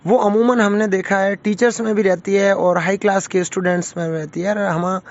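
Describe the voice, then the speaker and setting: A man with a Marwari-influenced Hindi accent, giving an informal spoken lesson, hesitant with fillers and self-corrections, sounding out vowels slowly. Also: sits high, steady tone. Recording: dull lo-fi recording.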